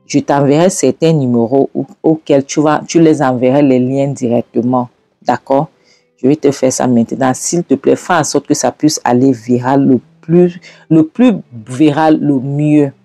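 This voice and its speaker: Man doing a scheming mother on the phone, coaxing, conspiratorial, mellow, dry. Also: very deep voice, dry recording.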